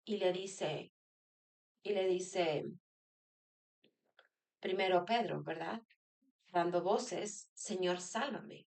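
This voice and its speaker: A woman's voice: lowish voice, extremely slow, creaky, long pauses, a little mellow. A woman sharing a personal devotional talk as a church member, earnest, repeating phrases and asking rhetorical questions.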